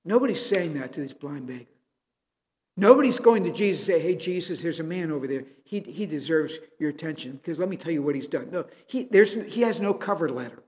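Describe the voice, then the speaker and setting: A man's voice: on the high side, expressive, a little fast, a little mellow, long reverb tail. A man preaching a sermon as pastor, earnest and building to emphatic pleas.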